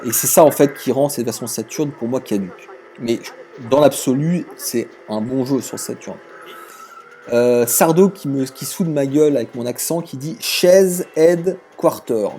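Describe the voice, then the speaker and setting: Guy chatting casually, warm mellow voice, faint music behind. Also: medium pitch. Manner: relaxed, chatty, frank opinions. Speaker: retro game YouTuber. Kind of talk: casual chat reading out viewer comments.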